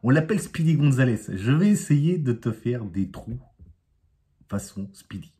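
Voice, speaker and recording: A man's voice: medium pitch, very animated, a little slow, warm tone. A man from France, an amateur magician, telling a playful story to camera with sound effects and asides. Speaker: amateur magician, channel host.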